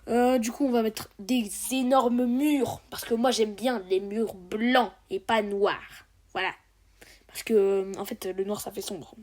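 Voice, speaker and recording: A woman's voice: mid-range voice, darkish tone. A teenage girl talking casually over her game footage, rambling and joking with lots of hesitation. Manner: rambling and jokey, with many hesitations. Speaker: gaming video creator. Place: home recording, voice dubbed over the game footage.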